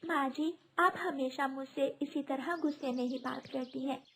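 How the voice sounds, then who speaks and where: A woman voicing a meek, newly married young female sparrow in a cartoon, gentle and pleading. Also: high voice, fairly even intonation, normal speed, creaky, a little hiss or hum.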